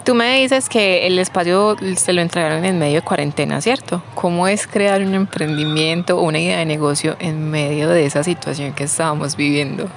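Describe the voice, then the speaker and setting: A woman's voice: low-pitched, normal speed, few pauses, a little hiss or hum. A woman hosting a community radio interview, asking friendly, prompting questions.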